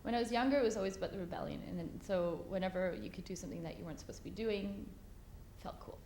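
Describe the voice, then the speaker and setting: A woman's voice: medium pitch, very fast, mellow, a little hiss or hum. A woman in her late twenties giving candid interview answers, speaking frankly and laughing at herself now and then. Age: 20s.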